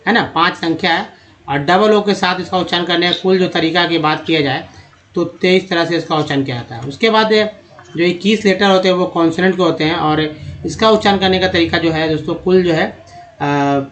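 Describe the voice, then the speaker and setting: Male teacher, slightly high voice, explains step by step, asks and answers his own questions. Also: fairly bright tone. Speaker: English teacher. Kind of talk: classroom-style explanation.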